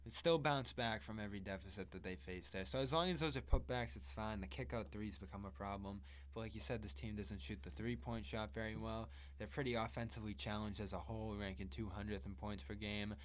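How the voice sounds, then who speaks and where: A man co-hosting a casual sports podcast, talking in a steady, easygoing way. He runs through numbers and game analysis in a relaxed conversational flow. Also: on the low side, a little fast, few pauses. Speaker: podcast co-host.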